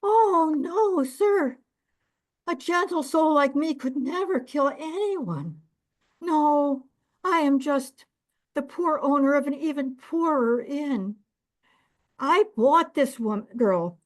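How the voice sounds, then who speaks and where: A woman's voice: sits high, lively intonation, slow, pitched above the performer's own voice. Woman putting on a whiny greedy innkeeper. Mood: wheedling. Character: whining self-pitying male innkeeper, greedy.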